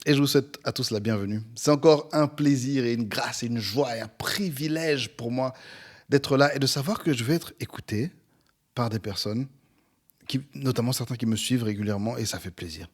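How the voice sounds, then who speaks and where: A pastor in his forties hosting a podcast from home, talking with energy and warmth about friendship. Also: mid-range voice, moderate pace. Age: 40s. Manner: energetic, upbeat, animated. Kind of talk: podcast sermon. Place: at home near an airport, planes passing.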